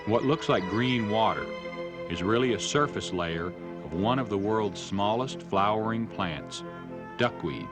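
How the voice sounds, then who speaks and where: A man narrating a scripted nature documentary in a measured, storytelling way. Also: on the low side, lively intonation, music in the background.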